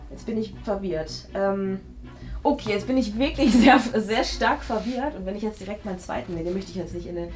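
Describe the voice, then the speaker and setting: A young woman with a medium-pitched voice hosts a guessing game and plays it herself, thinking aloud a little fast in a casual, playful way. She comes across as hesitant and rambling. Background music plays in what sounds like a small indoor studio room.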